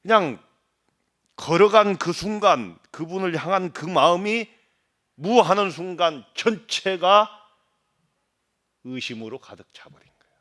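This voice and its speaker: Buddhist monk giving a lively dharma talk. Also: male voice, high-pitched, unhurried, pauses often. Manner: asks the audience questions, imitates regional dialects; swings between loud emphasis and quiet asides.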